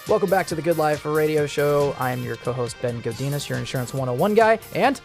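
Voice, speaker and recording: An upbeat male radio co-host with a slightly high, very lively voice. Faint music plays behind him as he announces the show. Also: brisk, creaky. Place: radio studio.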